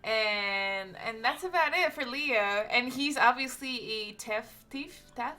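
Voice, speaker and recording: A woman's voice: a little high, slow pace, bright, forceful tone, soft background music. A woman playing a tabletop role-playing game, describing her character in casual, rambling talk full of fillers and giggles.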